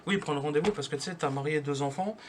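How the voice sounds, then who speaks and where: A man's voice: on the high side, quick pace, slight background noise. A young man doing a stand-up comedy monologue at home, telling a rambling slangy story full of restarts.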